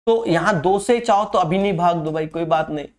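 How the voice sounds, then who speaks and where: A man's voice: sits high, brisk, a little mellow. A man teaching a maths lesson for exam prep with a nasal voice from a cold, chatty, and calling his students his friends. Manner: chatty, calls students "my friend", slips into English phrases. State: has a cold and fever.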